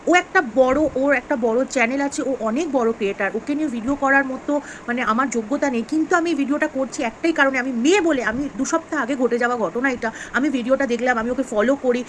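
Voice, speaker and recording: A woman's voice: high voice, fast talker, slight background noise, low-quality recording. A woman vlogging straight to camera, earnest and upset, pleading with viewers. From West Bengal, India. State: unwell. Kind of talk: direct-to-camera vlog commentary.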